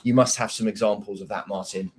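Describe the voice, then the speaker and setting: A man's voice: fairly low pitch, fairly even intonation, fast talker, slightly rough. A man hosting an interview, asking questions and sharing anecdotes in a chatty, conversational way. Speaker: host.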